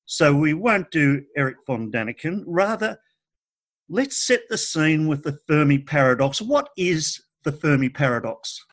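Courteous male interviewer reading prepared questions, a touch high-voiced. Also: very animated, a little slow. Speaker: podcast host interviewer.

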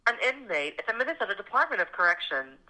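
A woman's voice: mid-range voice, very animated, fast talker, sharp tone. A woman's recorded voice announcing a prison phone call, formal and scripted. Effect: recorded announcement on a prison phone line. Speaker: automated call operator.

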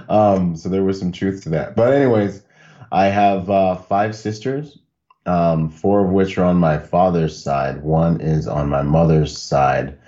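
Guesting on a podcast, this easygoing man from the Bahamas tells rambling stories in a very deep, warm voice, chuckling often and keeping things casual. Sound quality is muffled and lo-fi.

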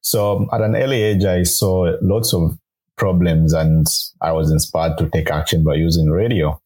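A man's voice: sits low, steady tone, moderate pace, darkish tone, husky. A young man from Zambia, a grad student and radio producer, speaking as a guest in a podcast interview in an earnest, upbeat way, explaining at length. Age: young adult.

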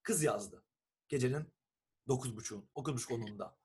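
A young man from Turkey, telling a long story in a casual, animated chat and acting out what people said. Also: medium pitch, a little fast, a crowd in the background. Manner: animated storyteller who acts out quoted texts and swears casually.

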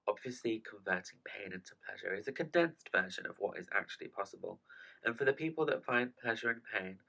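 A man hosting a scripted self-help podcast in a theatrical, soothing manner, with hushed, breathy dips in his delivery. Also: on the low side, rough recording. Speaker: podcast host.

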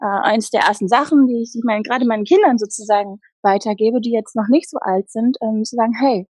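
Woman, happiness coach, earnest, reflective, husky, dry sound. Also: a little high, quick pace, a little mellow, dry recording. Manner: earnest, reflective, many fillers and restarts. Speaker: happiness coach, interview guest. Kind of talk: casual interview talk.

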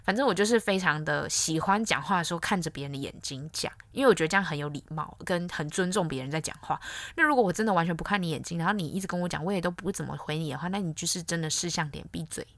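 A woman's voice: on the low side, quick pace, a bit bright, no room sound. A young woman, hosting a casual solo podcast and telling stories in a blunt, candid way. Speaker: podcast host.

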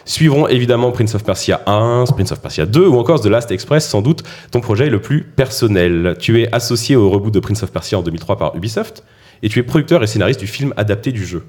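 A man hosting a podcast, reading a scripted introduction of his guests in a brisk manner, with self-mocking asides. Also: fairly low pitch, expressive, darkish tone. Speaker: podcast host. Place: studio or room around a table.

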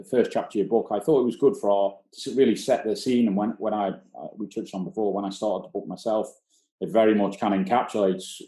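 A man's voice: lowish voice, dark tone. A man hosting a casual interview, often rephrasing his questions mid-sentence. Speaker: podcast host. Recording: echoey room sound.

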